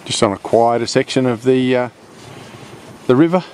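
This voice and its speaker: Male outdoor host, average pitch, casual and hesitant, recorded on a river with clear water noise. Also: darkish tone. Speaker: fishing trip host. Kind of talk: casual outdoor vlog narration. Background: rushing water and boat sounds.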